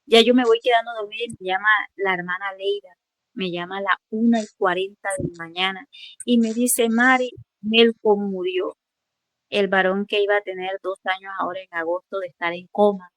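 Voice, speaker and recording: A woman giving a fervent, halting spoken testimony in a class, with many restarts. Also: medium pitch, steady tone, no room sound. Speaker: student sharing a testimony.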